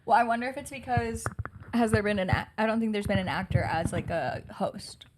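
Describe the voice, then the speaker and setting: A young woman co-hosting a podcast with a Valley Girl accent, bubbly, with vocal fry. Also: medium pitch, fairly quick, darkish tone, slight background noise. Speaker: podcast co-host. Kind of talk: casual chat.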